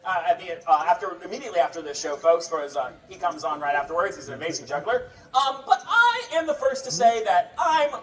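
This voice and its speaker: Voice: medium pitch, sing-song, a little fast, few pauses, a bit bright. A sword swallower giving comic live stage patter to a festival crowd, with a showman's wry, joking banter. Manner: sword swallower's showman delivery addressing onlookers. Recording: roomy, distant mic with crowd noise.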